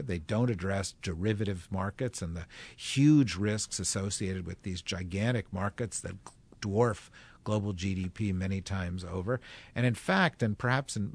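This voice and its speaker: A male author being interviewed on a radio talk show, talking forcefully and building to emphatic points. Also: lowish voice, creaky, breathy edge. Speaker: guest author.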